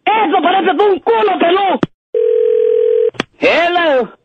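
A man's voice: very high-pitched, lively intonation, takes it slowly. A man answering a prank call over a phone line, getting furious and spitting curses and insults. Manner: furious, cursing, shouting insults. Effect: heard over a phone line. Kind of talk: angry phone argument. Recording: muffled phone line with crowd noise.

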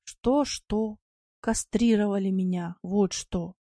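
A woman voicing a gloomy, thin tomcat who mutters slowly and bitterly. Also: medium pitch, fairly even intonation, dark tone, no echo, studio quality. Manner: slow, glum muttering.

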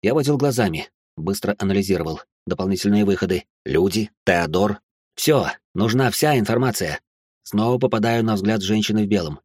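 A man narrating a first-person audiobook in a steady, tense way. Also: lowish voice, a little fast, no echo, clean studio sound.

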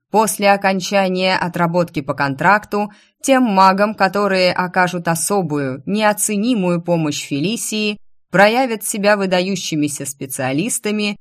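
A woman's voice: lowish voice, natural voice. A woman voicing a male royal herald who declaims a rousing proclamation in an audiobook.

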